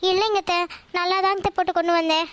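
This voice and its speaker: A woman's voice: very high-pitched, steady tone, rapid-fire, a bit bright. A woman voicing a polite, pleading young daughter-in-law in a cartoon, with a Tirunelveli Tamil accent. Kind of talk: cartoon voice acting.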